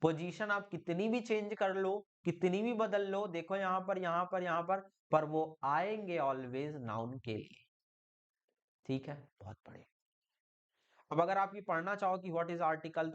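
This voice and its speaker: A man's voice: high-pitched, muffled recording. A man with a Hindi accent teaching an English grammar lesson, encouraging students and often checking that they follow. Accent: Indian Hindi. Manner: encouraging, repeats "बहुत बढ़िया" and "ठीक है?" often; lively, sing-song teacher delivery.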